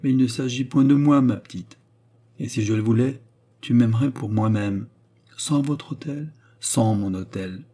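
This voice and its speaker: Man voicing a scheming baronet, raised husky voice, smooth, mocking, audiobook character. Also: medium pitch, normal speed, dark tone, lightly acted. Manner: smooth, teasing, coldly calculating. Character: scheming mocking male baronet, around thirty.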